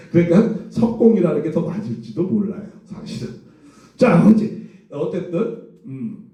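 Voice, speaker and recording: Lively preaching man in echoey room. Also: fairly high pitch, measured pace, distant mic. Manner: lively storytelling with rhetorical questions and chuckles. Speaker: pastor. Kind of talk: sermon.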